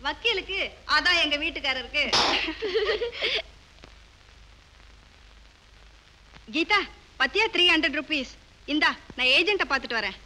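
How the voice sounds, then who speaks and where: An office gossip in a 1970s film drama who knows everything happening in town and tells it with eager glee. Her voice is very high and bright. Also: animated, fairly quick, heavily acted. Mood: knowing. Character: chatty office woman, knows every scandal.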